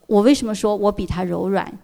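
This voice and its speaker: A middle-aged woman gives a heartfelt church testimony in an earnest, emotional storytelling manner. Her voice has a gravelly, creaky edge, and her pitch sits in an ordinary middle range. She slips English words into her speech now and then. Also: fairly quick, dark tone. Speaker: church member giving testimony.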